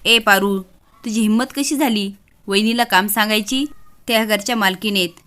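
A woman's voice: fairly high pitch, moderate pace, fairly bright tone, natural voice. A woman narrator voicing a scheming, jealous middle-aged aunt who speaks sharply.

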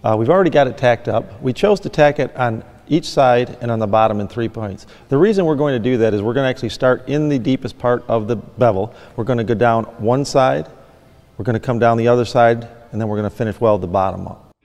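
A man's voice: medium pitch, a little fast, a little mellow. Man teaching in an echoing workshop. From Michigan. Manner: plain, practical, repeats "actually" often. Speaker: fabrication shop owner demonstrating welding. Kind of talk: instructional demonstration. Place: large indoor workshop.

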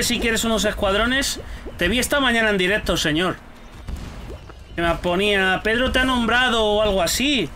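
A man chats and shouts his way through a game. His voice sits high and swings widely in pitch. Game music plays clearly behind him. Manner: animated, shouts and teases while playing. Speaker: gaming YouTuber. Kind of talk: casual gameplay commentary.

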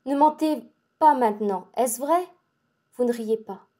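This dramatic audiobook reading has a woman voicing a feverish young girl torn between rapture and dread. Her soft, mellow, fairly high voice moves a little slowly, yet stays breathless, urgent, excitable and intense, with a pleading mood.

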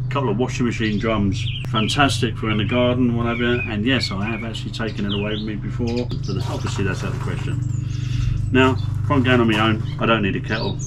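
A middle-aged camping vlogger chats casually to camera in a garden, showing camping stoves by hand in a plain-spoken way. His voice is on the low side. There is heavy background noise, with outdoor birdsong.

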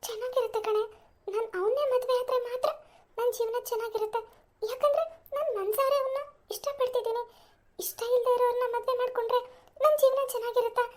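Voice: very high-pitched, steady tone, quick pace. A performer voicing a lovesick, tearful young woman in a home-made cartoon. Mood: insistent. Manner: earnest, tearful pleading. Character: lovesick young woman pining for her cousin.

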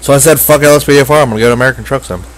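A young man chats casually with friends while streaming a game. He trades crude insults and teasing jokes. His voice sits at an ordinary pitch. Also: rapid-fire. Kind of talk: casual gaming chat with friends.

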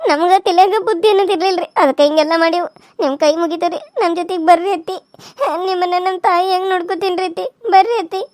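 A woman with a very high, thin voice voices the characters of a village cartoon serial. She wails, pleads and scolds in turn. The recording is close and dry, with no room sound around her. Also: fairly even intonation, quick pace, a little mellow, no echo. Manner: wailing, pleading and scolding in turns.

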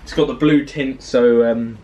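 A young British man vlogs casually about working on his car, filming on a handheld camera in his garage and driveway. His mid-range voice is mellow and fairly even in intonation, and he takes his time. The handheld audio is noisy.

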